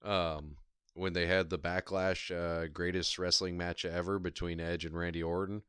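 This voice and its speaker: A man in casual conversation, telling stories in a thoughtful, measured way with frequent ums. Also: low-pitched, flat delivery, a bit bright, clean tone, no room sound, clean studio sound. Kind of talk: casual chat.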